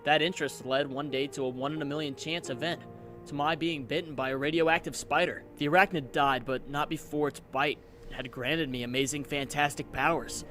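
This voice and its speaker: A man's voice: a little high, steady tone, brisk, music in the background, close to an everyday voice. A man voicing an earnest, self-doubting and wry young superhero in a comic book dub, with theatrical delivery. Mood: earnest storytelling.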